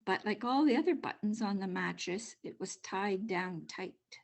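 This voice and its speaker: An older woman narrating a children's storybook aloud in an expressive, measured way. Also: medium pitch, vocal fry. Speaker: storybook reader.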